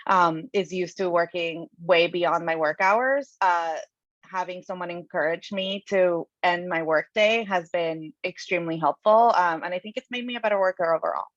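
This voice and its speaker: A native Spanish speaker from Colombia, a senior associate, speaks as a panelist in a casual panel talk over a video call. She is candid but hesitant, with many fillers and restarts. Her voice is lowish, with no room sound, and the call audio is dull and dry.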